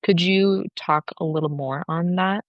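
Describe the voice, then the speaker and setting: A woman hosting a podcast interview, introducing the guest and asking questions briskly. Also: on the low side, no echo, highs cut off. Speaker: podcast host.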